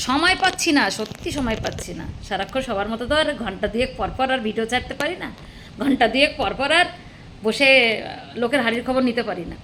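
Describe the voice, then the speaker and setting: Female vlogger, high and bright, sarcastic and scolding, faint background hiss. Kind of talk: angry rant to camera.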